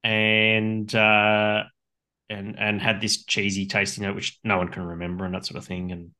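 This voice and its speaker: Bright, forceful Australian man chatting casually. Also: fairly low pitch, monotone, moderate pace. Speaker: beer show co-host, brewer. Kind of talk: casual chat.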